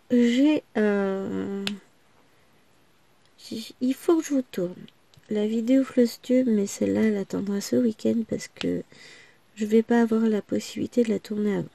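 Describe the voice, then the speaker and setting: Lady vlogging, chatty and rambly, gravelly voice that still cracks a bit. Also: medium pitch, steady tone, measured pace, dark tone, no echo. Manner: rambling, chatty, many small asides. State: voice still breaking after losing it. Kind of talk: casual chat to viewers.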